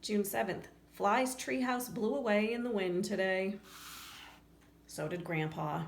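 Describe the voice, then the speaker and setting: With a creaky, mid-range voice and measured pace, a woman reads a children's story aloud. She dramatizes the lines and breaks away for casual chatter aimed at her young listeners. The recording has faint background noise and a roomy echo.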